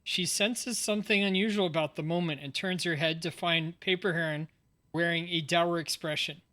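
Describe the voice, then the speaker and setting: A man's voice: fairly high pitch, fairly even intonation, moderate pace, bright, forceful tone. Casual man reading game text aloud. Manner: casual, musing. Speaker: streamer. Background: game music.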